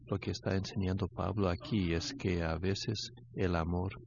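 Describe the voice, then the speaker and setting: An older man, a grandfather, preaching a sermon in a halting way, often repeating words as he goes. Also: sits low. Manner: halting, repeats words, grows louder telling a story. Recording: dull lo-fi sound, faint background noise.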